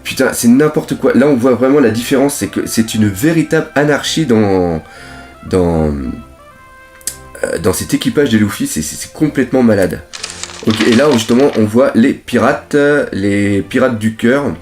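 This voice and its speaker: A man doing a live reaction while reading a comic chapter aloud, excitable and exclaiming, swearing often. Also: medium pitch, moderate pace, soft background music. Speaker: manga reaction host.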